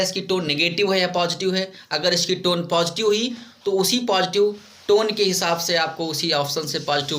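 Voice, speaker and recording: A man's voice: high-pitched, fairly bright tone. A man with an Indian English accent teaching a lesson in a mix of Hindi and English, explaining step by step, repeating words and asking the class questions.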